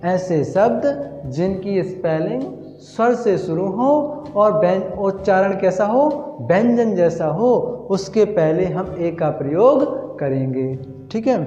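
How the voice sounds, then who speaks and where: Male tutor who keeps quizzing his class, mellow voice in a reverberant room. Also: high-pitched, lively intonation, slow, faint music behind. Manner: repetitive, quizzing himself with questions. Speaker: English grammar teacher. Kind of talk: Hindi classroom lesson at a whiteboard. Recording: echoey room, dull lo-fi sound.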